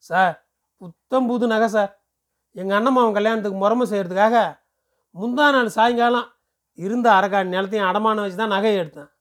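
A man's voice: high voice, a little fast, long pauses, fairly bright tone. A man voicing a distressed, pleading poor village woman who talks anxiously.

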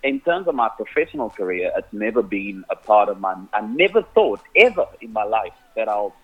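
With a lowish, husky, sing-song voice and a slightly quick pace, an Afrikaans-speaking man from the Cape Flats in South Africa rambles through his story as a musician guest. His casual interview answers keep restarting and he laughs often, all heard over phone-quality audio.

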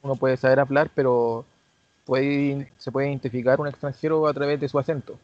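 A man sharing his opinion in a measured, thoughtful way during a class discussion. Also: mid-range voice, flat delivery, a little mellow, dry recording, lo-fi sound.

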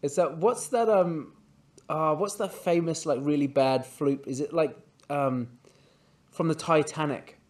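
Male podcast host, casual, swears a lot, quick to laugh. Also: fairly high pitch. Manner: swears freely, laughs often, blunt. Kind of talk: casual book discussion chat.

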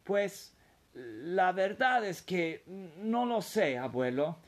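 A man's voice: sits high, sing-song, extremely slow, pitched above the performer's own voice, exaggerated voice. Man doing a curious young boy. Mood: eager. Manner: eager, questioning.

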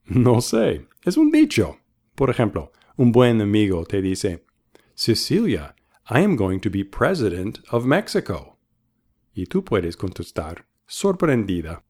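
A man's voice: fairly low pitch, wildly swooping pitch, a little mellow. Patient bilingual teacher, a man. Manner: slow, patient, repeats phrases for practice. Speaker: English teacher and host. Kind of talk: bilingual language lesson.

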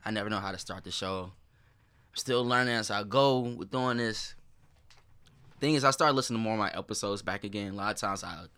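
A man's voice: lowish voice, fairly quick, bright, forceful tone, clear, resonant tone. A man hosting a podcast in loose, rambling casual chat, laughing often. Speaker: podcast host.

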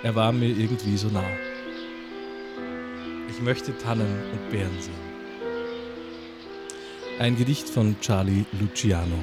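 A man reading a mock-solemn poem in a dry, deadpan, halting way. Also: lowish voice. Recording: music playing under the voice.

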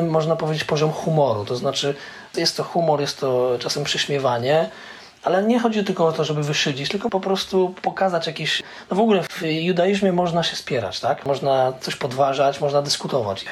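A man explaining things in an interview, pausing often with filler sounds as he thinks. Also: on the high side, a little hiss or hum. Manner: hesitant, many filler "e" pauses. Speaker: interviewee, Hebrew scholar. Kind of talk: conversational explanation.

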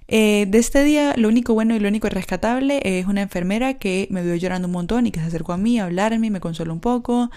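A woman's voice: medium pitch, fast, few pauses, mellow. A young woman tells her own story in a casual, unscripted way. She sounds frank and exasperated and swears freely. Her talk is full of fillers and asides. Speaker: podcaster telling a personal story.

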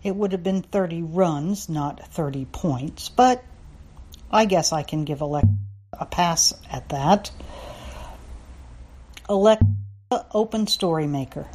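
A woman's voice: sits low, moderate pace, darkish tone, soft background music. A woman casually demoing and reviewing a voice app, chatty with light jokes. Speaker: skill reviewer. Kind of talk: casual product demo.

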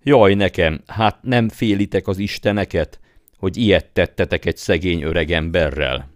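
A man's voice: sits low, dry recording, studio quality, voice pushed up, lightly acted. A man voicing a frantic old male goldsmith in an audiobook, with a shaky, pleading voice and wailing, accusing outbursts. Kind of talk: audiobook character voice.

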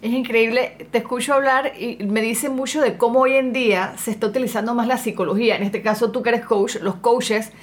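Interview host, woman, brisk and supportive, quick to agree. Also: a little high, fairly even intonation. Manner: affirming, chimes in with agreement. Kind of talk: casual interview chat.

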